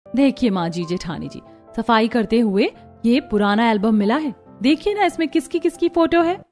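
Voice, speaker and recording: A woman's voice: a little high, animated, normal speed, a little mellow, faint music behind, natural voice. A woman voicing a young outspoken daughter-in-law in a cartoon, speaking firmly and asking pointed questions. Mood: cheerful. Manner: firm and questioning. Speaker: voice actor. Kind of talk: cartoon voice acting.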